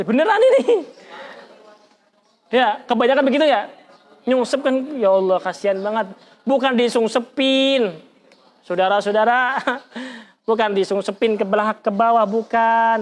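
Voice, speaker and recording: A man. He demonstrates as he explains and keeps asking his listeners questions. His pitch jumps up suddenly in exclamations. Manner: animated, colloquial, demonstrating with gestures, asks the audience questions. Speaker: religious teacher. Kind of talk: lively Islamic study lesson with demonstration.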